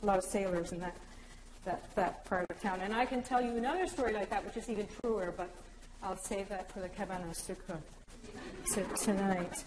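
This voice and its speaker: In a darkish, medium-pitched voice at moderate speed, a conference presenter from Newfoundland, Canada, walks through her ideas with joking anecdotes on the side. The recording has hall echo and slight hiss or hum.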